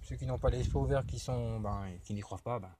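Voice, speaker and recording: A man talks to unseen spirits on a ghost hunt, stumbling and restarting his sentences as he goes. His voice sits at an ordinary middle pitch. He is recorded outdoors. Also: background noise. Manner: halting, stammering, restarts often. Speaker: paranormal investigator. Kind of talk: addressing spirits during a ghost hunt session.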